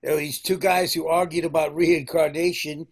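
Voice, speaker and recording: An actor playing an elderly widower who tells wry jokes, with a husky, gravelly voice. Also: male voice, on the high side, fairly even intonation, normal speed. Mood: joking. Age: older. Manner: wry joke-teller.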